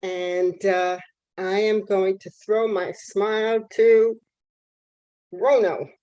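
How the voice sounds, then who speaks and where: Slow, mellow-voiced woman on a dull call line. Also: mid-range voice, fairly even intonation, no echo. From upstate New York. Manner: hesitant, easygoing. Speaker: meetup participant. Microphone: video call. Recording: dull, dry video call audio.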